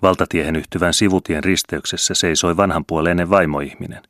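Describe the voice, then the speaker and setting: A man narrating a novel as an audiobook reader, in a steady, measured storybook reading. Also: sits low, no room sound, clean studio sound. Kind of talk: scripted narration.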